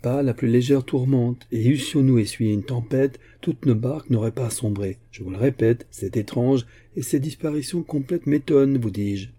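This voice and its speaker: A man reading a novel aloud, voicing a blunt, hearty giant of an old musketeer who talks loud and insistent. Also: medium pitch, normal speed, few pauses, slight background noise, natural voice. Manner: loud, insistent, plain-spoken.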